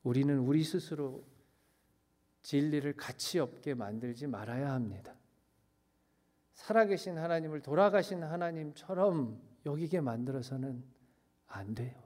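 Speaking at normal speed in a slightly high voice, a middle-aged preacher drives his sermon home emphatically. Loud declarations give way to quiet phrases, and he sprinkles in some English.

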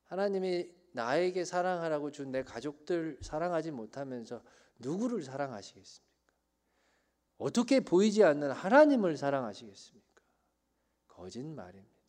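Korean pastor preaching with emphatic swells. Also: male voice, a little high, sing-song, moderate pace. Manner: preaching with rising emphatic bursts and soft drops. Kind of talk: sermon.

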